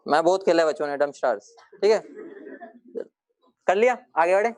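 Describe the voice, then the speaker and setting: A man's voice: a little high, expressive, normal speed, darkish tone. A young male teacher giving a classroom lecture, joking with his students and then firmly explaining points.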